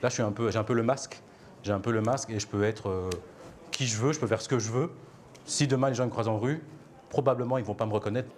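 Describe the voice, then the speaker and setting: Speaking quickly in a medium-pitched, darkish voice, a young interviewee from Belgium shares a personal testimony. He sounds reflective and unsure, often restarting and leaning on filler words.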